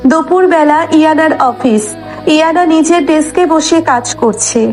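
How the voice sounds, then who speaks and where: A woman's voice: high voice, moderate pace. A woman giving dramatic, scripted narration of a romance story. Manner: dramatic, descriptive. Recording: soft background music.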